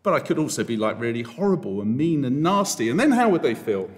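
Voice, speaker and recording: A priest giving a playful, jokey school assembly talk and asking the children questions. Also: male voice, mid-range voice, sing-song, fast talker. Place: church. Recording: reverberant church.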